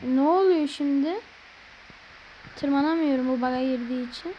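A woman's voice: high-pitched, normal speed, warm tone, slight background noise. A young woman talking through a game she is playing, muttering in frustration and making playful sound effects. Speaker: gaming video creator. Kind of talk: casual gameplay commentary.

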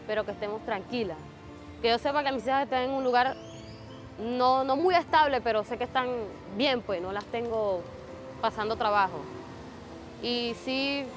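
Venezuelan woman, plain heartfelt talk. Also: on the high side. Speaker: migrant mother. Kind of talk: street interview. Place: outdoor covered shelter.

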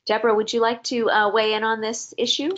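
A woman's voice: a little high, little pitch movement, fast, a bit bright, dull audio. A woman moderating an online faculty workshop, briefly agreeing and inviting others to speak. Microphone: video call.

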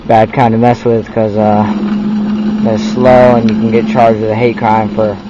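A man's voice: fairly low pitch, level tone, normal speed, highs cut off. A teenage young man chatting casually to his handheld camera while riding a scooter outdoors. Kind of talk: casual vlog chat. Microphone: handheld camera close by. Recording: noisy handheld camera recording.

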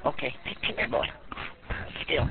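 A man playing a doting elderly grandmother who rambles and calls people dear, heard over a phone line. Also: takes it slowly. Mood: sugary. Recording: tinny noisy phone line.

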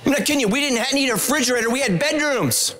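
Animated high-voiced man preaching. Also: very fast, slight background noise. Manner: animated storytelling with humorous asides, pitch swinging widely. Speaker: pastor. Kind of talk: sermon. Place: large church stage, indoors. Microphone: handheld microphone.

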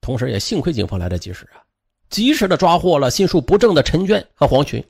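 Man, crime story narration, husky, expressive swings in pitch, casual fillers. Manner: lively, with frequent fillers and moralizing asides.

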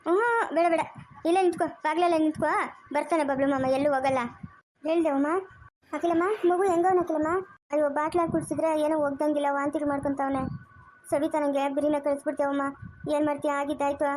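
A woman's voice: high voice, flat delivery, fast, a little mellow, slight background noise, lightly acted. A woman with a Chikkaballapur Kannada accent, acting as a rural woman in a family drama, scolding and pleading with emotion.

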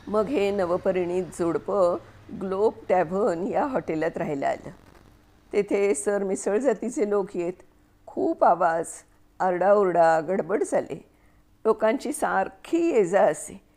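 A woman storyteller reading a story aloud in a measured, expressive way. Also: medium pitch.

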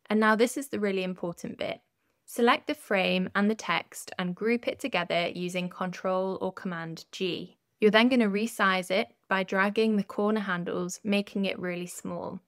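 Calm woman giving steady instructions. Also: medium pitch, no echo, clean studio sound. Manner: calm, clear step-by-step instructions. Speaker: design tutorial presenter. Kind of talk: scripted screen-recording tutorial voice-over.

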